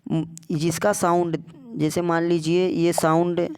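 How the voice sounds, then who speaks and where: A man gives an explanatory lesson as a tutor. He speaks slowly and deliberately in a clear, resonant voice. He keeps repeating words and putting either-or questions to his students. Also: on the high side, level tone, darkish tone. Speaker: English tutor.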